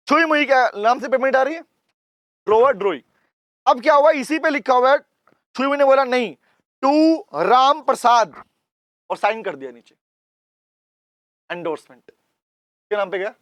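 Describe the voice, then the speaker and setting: Male commerce teacher, very high voice, dry close sound, repeats key terms. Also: fairly bright tone, no echo. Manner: explains in Hindi mixed with English terms, repeats points, calls out to students. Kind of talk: classroom lecture.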